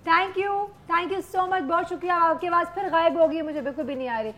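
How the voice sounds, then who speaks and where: A woman's voice: very high-pitched, fairly even intonation, fairly bright tone. A woman hosting a live morning TV show, taking calls in an upbeat way and mixing English words into her talk. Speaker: host. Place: TV studio.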